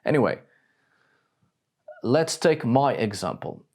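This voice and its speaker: This Portuguese man speaks slowly in a mid-range, creaky, darkish voice with big swings in pitch. His scripted video essay monologue is blunt, and he lets a curse slip whenever he gets annoyed.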